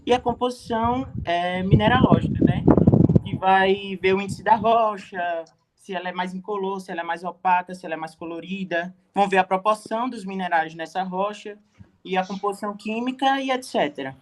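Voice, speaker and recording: A man's voice: sits high, a little fast. A man with a Brazilian Portuguese accent, a student answering in an online class, hesitant and stumbling over words. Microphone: computer mic on video call. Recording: noisy video-call audio.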